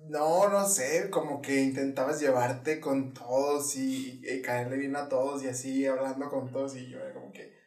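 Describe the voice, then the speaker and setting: A young man with a Mexican Spanish accent in a casual chat, speaking in a reserved way that often goes slow and quiet. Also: mid-range voice, steady tone. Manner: reserved, slow and quiet when talking about himself. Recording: roomy sound, a little far from the mic.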